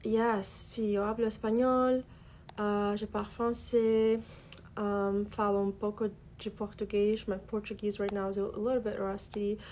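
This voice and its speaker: Congested with a cold, a woman whose first language is Albanian hosts a casual craft tutorial livestream from her desk, chatting and greeting viewers with plenty of fillers. Her mid-range voice is a little mellow, delivered flatly at a moderate pace, with a little hiss or hum in the audio.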